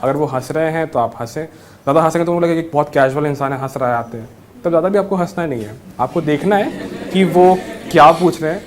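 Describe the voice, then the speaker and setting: A young man talks through interview tips in a relaxed, reassuring way, slipping English words into his Hindi. His voice sits a little high for a man. A faint background noise runs under the recording. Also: fast talker. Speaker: interview guest, newly selected civil judge. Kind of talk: casual interview advice.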